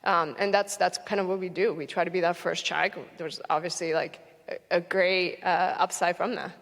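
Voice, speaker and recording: A woman's voice: on the low side, steady tone, normal speed, a bit bright. Earnest young woman on a panel stage. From United States (Orlando, Florida). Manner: earnest, with frequent "um" and restarts. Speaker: panelist, venture investor. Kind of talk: conversational panel talk. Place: conference stage in a large hall. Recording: long hall reverb.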